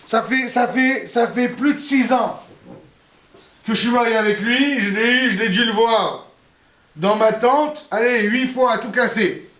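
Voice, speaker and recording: A man's voice: very high voice, a little slow, fairly bright tone, voice pushed up. A man voicing an outraged, jealous woman in a humorous lesson, recorded in a roomy space from a distance. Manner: outraged, scolding, exaggerated. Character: indignant jealous woman, older sister.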